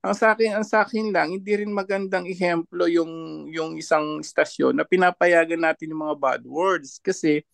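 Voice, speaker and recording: Brief: high-pitched male panelist, dry close sound, scornful and chuckling. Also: steady tone, normal speed, vocal fry, no room sound. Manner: mocking, laughs often between jabs. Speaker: panelist commenting on a debate. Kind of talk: online discussion commentary.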